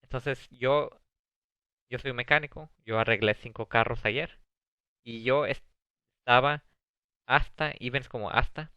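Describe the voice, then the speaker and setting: A man teaching an ESL video lesson, reading English example sentences slowly and explaining them in Spanish. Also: mid-range voice, smooth, no room sound. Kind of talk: recorded video lesson on comparative adjectives. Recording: dull, dry lo-fi sound.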